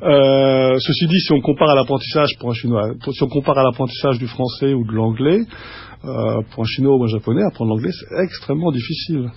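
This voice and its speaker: A man's voice: medium pitch, husky. A man speaking as a guest on a radio show, explaining patiently and restarting his sentences often. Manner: explanatory, halting with many restarts and fillers. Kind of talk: radio studio conversation. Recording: dull lo-fi radio recording.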